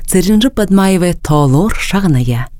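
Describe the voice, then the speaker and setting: Speaking her native language for a lesson, a woman carefully enunciates words and phrases for learners to repeat. Her lowish voice is expressive, unhurried and mellow, captured on a close studio mic with no room sound.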